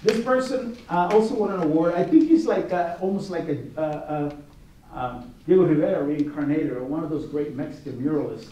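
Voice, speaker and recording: Serving as an art competition juror, a man gives a casual gallery talk, often restarting and drifting into anecdotes. His voice is fairly high-pitched, brisk, and dark in tone. The muffled recording has roomy echo, faint noise, and a distant mic.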